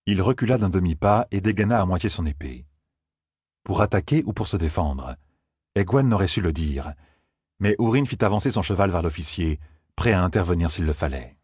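Deep husky male audiobook narrator. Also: animated, darkish tone, no room sound, clean studio sound. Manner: measured storytelling. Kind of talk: scripted narration.

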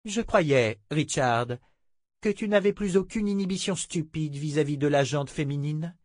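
A man voicing a calm, ruthless woman who lectures her companion, in an audiobook reading. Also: fairly high pitch, normal speed, dry recording, studio quality, voice pushed up, close to an everyday voice. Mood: coolly stern. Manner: calm, cutting, commanding.

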